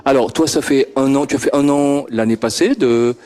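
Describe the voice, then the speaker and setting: Friendly questions go out to children at a homework-help group from a man with a slightly mellow, mid-range voice and a moderate pace. He uses a shared handheld mic and frequently stammers, repeats words and laughs softly.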